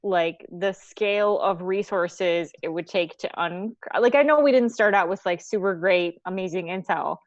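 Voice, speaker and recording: A woman's voice: on the low side, normal speed, hardly any pauses, no room sound. A woman chats with the table about the game, working through her ideas as she speaks. Her voice sounds dry and a little dull, as if recorded on a modest mic. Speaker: player. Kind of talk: casual chat at a tabletop game.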